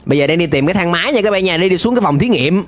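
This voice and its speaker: A young man hosts a reaction video, talking very fast in a high-pitched voice with lively intonation as he casually comments and exclaims at a cartoon. He's in an indoor gaming room, wearing a headset with a close boom-arm mic, and the cartoon's soundtrack music plays behind him.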